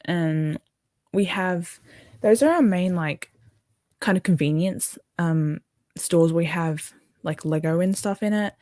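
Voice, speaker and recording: A young woman with an Australian accent chats on a livestream, her voice sitting a little low. She rambles and corrects herself mid-sentence, and the recording is dry and close, with no room sound. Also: slow pace, a little mellow, dry recording. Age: young adult. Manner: chatty and rambling, with fillers and self-corrections. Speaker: livestream host. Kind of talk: casual livestream chat, reading viewer comments.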